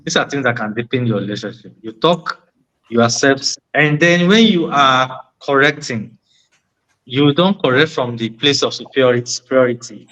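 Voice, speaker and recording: A man's voice: mid-range voice, normal speed, a bit bright, rough recording. A man with a West African accent gives conversational relationship advice, repeating key words for emphasis and posing rhetorical questions. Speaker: panel discussion participant.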